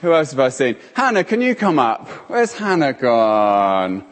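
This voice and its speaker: In a church hall, a man with a medium-pitched voice preaches an interactive sermon into a handheld microphone, speaking a little slowly. He's playful and animated, calling people up by name. The audio carries hall reverb and a slight hiss or hum.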